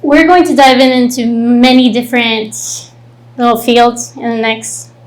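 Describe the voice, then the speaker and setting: A woman co-hosting a live podcast in front of an audience, asking questions at a slow, deliberate pace. Her voice is fairly high. The sound is roomy, with a faint hum underneath. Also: fairly even intonation. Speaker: guest co-host. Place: live event venue with audience.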